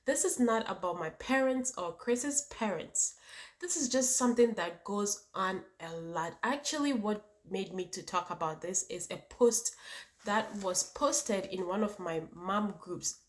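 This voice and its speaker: A woman with a Ghanaian accent speaking emphatically to her viewers as a vlog host, repeating points and posing rhetorical questions. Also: mid-range voice. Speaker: vlogger and channel host. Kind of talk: opinionated personal talk to viewers.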